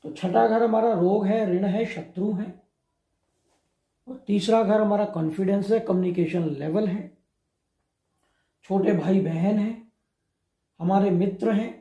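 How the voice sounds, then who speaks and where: A man explaining astrology in a slow, measured way, pausing often between phrases. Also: sits high, steady tone, mellow, reverberant, dull audio.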